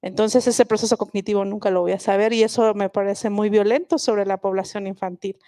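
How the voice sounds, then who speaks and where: At a public book festival talk, a woman from Oaxaca whose mother tongue is Mixe speaks as a guest linguist. She talks a bit fast at medium pitch with fairly even intonation and a mellow sound, in a dry, close recording, reflective and explanatory and often restarting.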